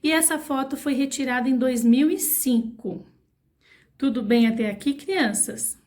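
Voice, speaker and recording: A woman's voice: high voice, measured pace, a little mellow. A woman teacher from Brazil giving a recorded online lesson to young children, patiently spelling out words syllable by syllable and asking the kids questions. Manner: asks the children questions, coaxing. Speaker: primary school teacher.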